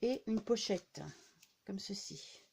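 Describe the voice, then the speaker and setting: A woman's voice: mid-range voice, slow, a little mellow, slight background noise. A woman casually showing off her craft purchases to her viewers, talking in a chatty way with frequent filler words. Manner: chatty, many fillers and "hein" tags. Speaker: scrapbooking vlogger. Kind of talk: casual haul show-and-tell.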